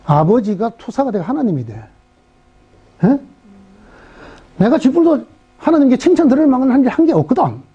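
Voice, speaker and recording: A middle-aged male pastor preaching a sermon in an animated way, firing rhetorical questions at the congregation and acting out voices. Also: high-pitched, husky. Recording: dull, muffled sermon recording.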